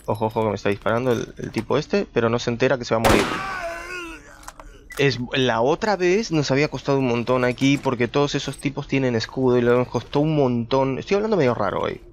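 A man's voice: medium pitch, a little fast, background noise. A young man giving casual gameplay commentary, chatty and thinking aloud as he plays, talking to his viewers. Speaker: gameplay streamer.

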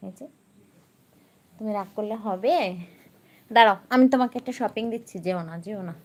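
A woman's voice: medium pitch, moderate pace, a little mellow. A woman at home, coaxing her pet in sing-song baby talk. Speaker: pet owner vlogger.

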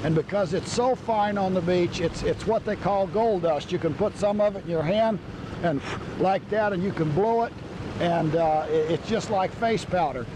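Folksy high-voiced man teaching outdoors. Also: normal speed. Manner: folksy, down-to-earth, with frequent fillers and restarts. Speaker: gold prospecting show host. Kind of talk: outdoor how-to demonstration. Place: outdoors on a windy beach. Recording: noisy outdoor video with wind.

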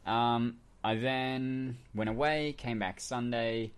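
A man's voice: mid-range voice, fairly even intonation, takes it slowly, clean tone. A man in his twenties, a podcast co-host from New Zealand, chatting casually and rambling, with many restarts and fillers. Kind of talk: casual chat.

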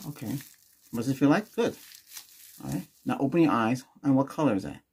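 An older man's mid-range, darkish voice has lively intonation and a slightly fast pace, with slight background noise. He's doing an ASMR doctor roleplay, giving short instructions and asking brief exam questions, in a small indoor room with a cloth backdrop.

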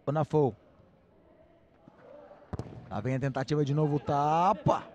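Brazilian male commentator, slightly high pitch, live match play-by-play in short bursts. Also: unhurried, a little mellow, highs cut off. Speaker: sports commentator.

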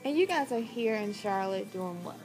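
A woman's voice: mid-range voice, animated, normal speed, over music, poor audio. A young woman reporter chatting casually, stretching words for emphasis, filmed in a car on a phone at arm's length. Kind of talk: casual chat. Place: inside a car.

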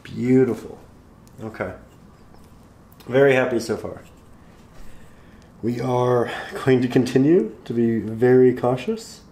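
A man calmly guiding viewers through a step-by-step painting tutorial, slightly hoarse, in an unhurried, encouraging way. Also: medium pitch. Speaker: painting instructor.

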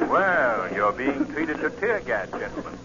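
An actor playing a mysterious, mocking crime fighter in a theatrical, unhurried 1940s radio style. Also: male voice, medium pitch, big pitch swings, a crowd in the background. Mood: cool, taunting. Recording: noisy, muffled 1940s radio recording.

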